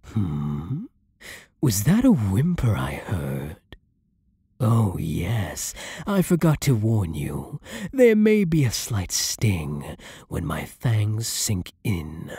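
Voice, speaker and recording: A man voicing a centuries-old, possessive vampire lord in an ASMR roleplay, silky and commanding with a breathy voice that often sinks into whispers. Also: lowish voice, wildly swooping pitch, dark tone, dry recording, clean studio sound, heavily acted. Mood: gloating. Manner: slow, theatrical, silky, commanding, condescending. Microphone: close studio microphone, dry.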